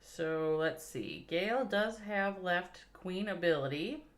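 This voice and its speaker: A woman's voice: fairly low pitch, animated, takes it slowly. A woman with a Minnesota accent giving chatty, playful live commentary on a mobile strategy game match, reacting to chat and laughing along. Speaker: esports caster.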